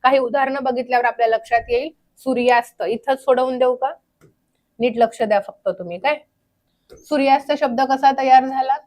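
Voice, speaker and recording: A young woman teaching a grammar lecture, drilling terms slowly and asking the class questions that she then answers herself. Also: sits high, fairly even intonation, darkish tone.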